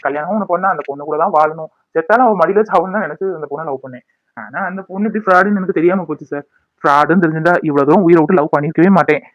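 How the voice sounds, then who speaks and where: A jilted young man in a cartoon drama speaks with bitter accusation, his voice high and rapid. The sound is close and dry. A man acts him out. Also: no room sound, muffled recording.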